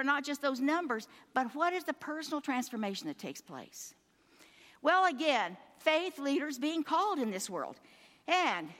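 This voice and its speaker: A woman's voice: sits high, pushed and bright, in a large hall. A woman giving an earnest sermon, exhorting her listeners and calling them her friends. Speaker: preacher.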